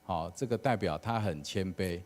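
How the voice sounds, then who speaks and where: A man's voice: low-pitched, moderate pace, a little mellow. A man, a church elder giving a casual sermon with an anecdote at a prayer meeting. He talks conversationally and often starts phrases with "好" and "哦".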